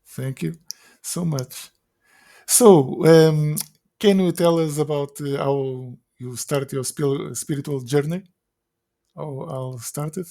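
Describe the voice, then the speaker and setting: A man hosts a podcast and asks his questions softly, with a mellow, dark tone. He hesitates and restarts a little as he phrases things. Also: on the high side, steady tone, slow pace, vocal fry. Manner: soft-spoken, hesitant questions. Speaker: podcast host. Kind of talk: casual interview.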